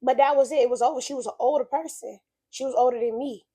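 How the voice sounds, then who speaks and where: A fast, steady, high female voice, dark-toned with a breathy edge and a slight illness rasp, preaches earnestly about faith in casual conversation. Emphatic repetition marks this spoken reflection.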